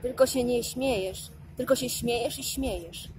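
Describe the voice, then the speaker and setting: Woman reading as a hoarse brutal prince. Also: very high voice, a little slow, noisy background, pitched above the performer's own voice. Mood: menacing. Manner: snarling, menacing.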